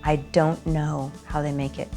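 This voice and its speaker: A woman with a fairly low voice, talking earnestly and with frustration as a mother in a documentary interview. Faint music plays quietly behind her. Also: level tone, measured pace. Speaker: mother of a son with mental illness.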